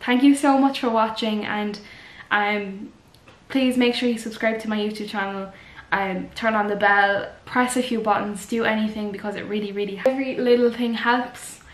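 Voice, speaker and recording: In an echoey room, a young woman vlogs to the camera, chatting casually and offering rambling, earnest advice with lots of fillers. She speaks at normal speed in a medium pitch with a steady tone.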